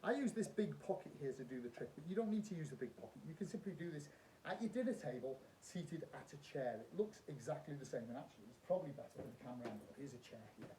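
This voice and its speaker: A man's voice: lively intonation, fast, mellow. A man explaining a magic trick step by step as an instructor, emphatically repeating key points. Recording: roomy echo, faint rumbling noise.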